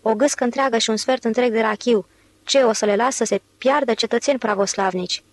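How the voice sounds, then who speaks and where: A woman narrator voicing a drunk, barefoot man shouting in a frenzy in an audiobook. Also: fairly high pitch, no echo. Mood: frantic. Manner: slurred shouting.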